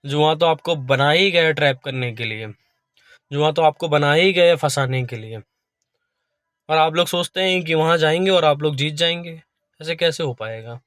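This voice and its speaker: A man's voice: fairly high pitch, normal speed, a bit bright, no room sound, clean studio sound. A man vlogging from his car, talking earnestly and pleading again and again with his viewers. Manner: pleading, repetitive, appeals to "bhai" and "dosto". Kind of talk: earnest talk to camera.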